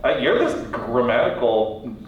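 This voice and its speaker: A man hosts a casual, informal interview in a playful way, his mid-range voice sing-song and unhurried. The recording is very echoey and distant, with a dull sound and faint noise.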